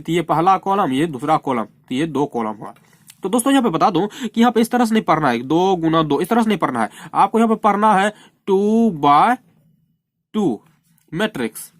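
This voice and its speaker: A man's voice: sits high, no room sound. A man from India teaching a math lesson at a board, repeating terms and often urging the students to watch closely. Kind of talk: classroom lesson explaining at a board.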